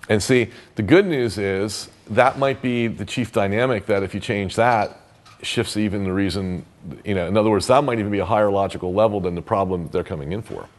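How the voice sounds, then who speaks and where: A man's voice: on the low side, a little fast. A man teaching therapy techniques in a loose, conversational way, with many fillers and restarts. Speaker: therapy trainer. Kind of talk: casual teaching talk.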